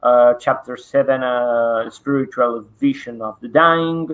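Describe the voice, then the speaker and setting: Presenting at an online conference from his home study with bookshelves, a middle-aged man from Argentina speaks hesitant, filler-heavy English with a Spanish accent. His voice is medium-pitched, slightly slow, and a little bright. The video call audio, captured through a webcam, is dull and lo-fi.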